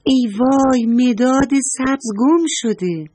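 A woman voicing an excitable orange pencil in a children's story, quick to cry out. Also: mid-range voice, breathy edge, close to an everyday voice. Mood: alarmed.

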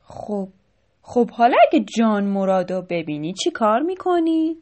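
A woman's voice: mid-range voice, big pitch swings, darkish tone, natural voice. A woman voicing a brave, stubborn young male hero in a storybook tale, speaking firm and defiant. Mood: determined.

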